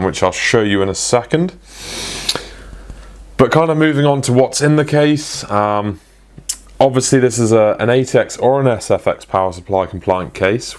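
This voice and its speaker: A young man talks through a product review in a casual, rambling way. He fills his sentences with ums and restarts himself often, and his voice sits fairly low. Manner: chatty, many ums and restarts. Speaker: tech reviewer.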